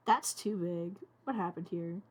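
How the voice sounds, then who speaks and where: This young woman's voice is lowish, husky, and unhurried as she streams herself animating a puppet. She rambles in casual chat with viewers, muttering and talking to herself while she works.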